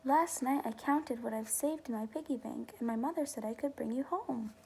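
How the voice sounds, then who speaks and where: A woman's voice: on the high side, normal speed, creaky, darkish tone, a little hiss or hum. A woman voicing a sweet, earnest little girl from a storybook, eager and polite, in a storytime voice. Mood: warm, earnest.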